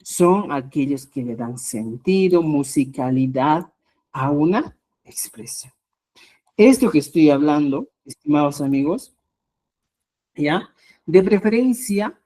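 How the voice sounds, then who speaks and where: A woman teaching a live online language class, explaining slowly and repeating herself, with a constant "¿ya?" to check her students follow. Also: low voice, animated, warm tone. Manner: slow, repetitive explanations with rising emphasis.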